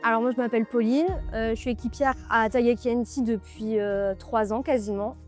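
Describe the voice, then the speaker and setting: Chatty young-sounding woman, slightly high. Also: normal speed, music in the background. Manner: relaxed, chatty, laughs easily. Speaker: bubble tea shop manager. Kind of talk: casual interview answers.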